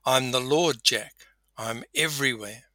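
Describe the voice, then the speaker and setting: A man voicing God as a calm, patient male presence who speaks plainly and firmly. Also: medium pitch, measured pace, dry recording. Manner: calm and matter-of-fact.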